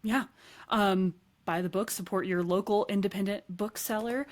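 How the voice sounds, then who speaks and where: A woman's voice: medium pitch, steady tone, moderate pace. A woman from Arkansas with an Arkansas accent, talking conversationally as a podcast interview guest. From Arkansas, United States. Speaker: podcast guest, author and running journalist.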